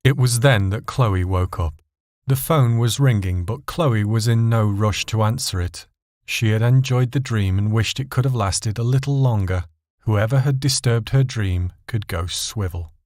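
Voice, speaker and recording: A man reading scripted narration of a dark audio story as its narrator. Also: fairly low pitch, a little slow, no echo, studio quality.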